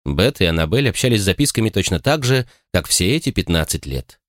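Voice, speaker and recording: A man narrating an audiobook in an expressive storytelling manner. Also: sits low, fairly quick, no room sound, clean studio sound. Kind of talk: scripted narration.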